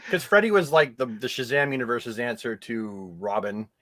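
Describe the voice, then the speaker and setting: A man in casual chat, reacting to a trailer with a jokey, animated delivery. His pitch rises and falls freely, and he laughs easily between remarks. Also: moderate pace. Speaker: podcast co-host.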